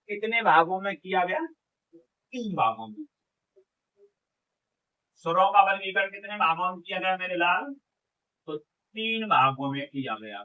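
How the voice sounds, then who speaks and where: On a muffled recording, a man with a high voice teaches Hindi for exam prep, warmly speaking to his students. He asks questions only to answer them himself, and he stretches vowels to show how they sound.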